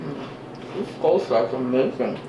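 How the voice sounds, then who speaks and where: In a casual eating vlog, the speaker talks at normal speed in a mid-range voice with lively intonation. You hear chewing and mm-hmm sounds as they chat in a self-deprecating way, and the room sounds spacious with faint ambient noise.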